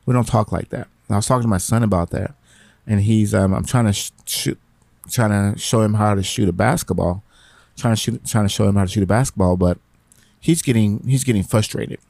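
Gravelly, low-voiced man talking casually. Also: dark tone, no echo. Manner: rambling, repeats phrases, encouraging. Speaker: podcast host. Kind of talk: casual motivational talk.

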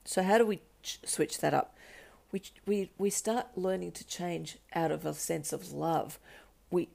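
A woman's voice: fairly low pitch, measured pace, gravelly, mellow. A woman hosting her own podcast, talking through ideas on personal change, often repeating words as she searches for the next one. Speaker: podcast host, coach. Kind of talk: solo talk on personal change.

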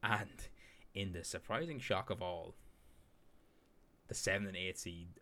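A man's voice: low voice, unhurried, pushed and bright. A man co-hosting a casual sports podcast, with a rambling, filler-heavy way of breaking down games. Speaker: podcast co-host. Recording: faint background hiss.

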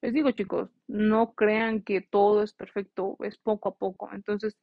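A woman's voice: medium pitch, flat delivery, moderate pace, vocal fry, no echo. Young adult woman nurse, earnest heartfelt storyteller coaching students; slightly muffled, dry recording. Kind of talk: casual spoken monologue to nursing students.

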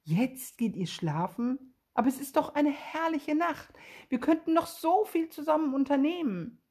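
A woman voicing an eager, lonely young vampire boy in a children's storybook, with a husky, excited, bouncy delivery. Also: sits high, a little slow, voice pushed up.

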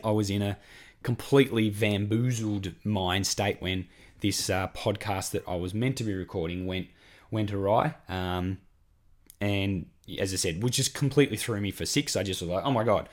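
Croaky and hoarse from a cough, this Australian man hosts a solo weight-loss podcast at a fairly low pitch. He chats along encouragingly, circling back over the same points.

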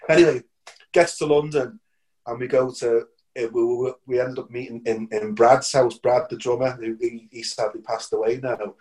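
A middle-aged man, a musician guest in a casual interview, telling stories in an animated way, repeating words and laughing often. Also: mid-range voice, normal speed. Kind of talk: casual anecdotal storytelling.

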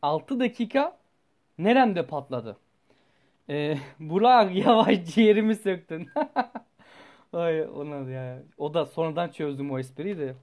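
A man's voice: on the high side, measured pace. Young man ranting through a story. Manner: rambling and animated, swears freely. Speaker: student telling a personal story. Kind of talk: casual storytelling vlog.

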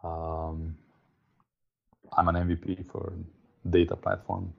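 A man's voice: low-pitched, little pitch movement, slow pace, gravelly, lo-fi sound. A middle-aged man from Slovenia with a Slovenian accent, chatting casually as an interview guest. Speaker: interview guest, software developer.

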